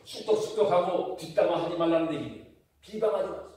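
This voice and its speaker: A male pastor preaching a sermon in a church, asking the congregation questions and building to loud emphatic declarations. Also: fairly high pitch, expressive, fast. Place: church sanctuary. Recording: very echoey church hall, mic far off.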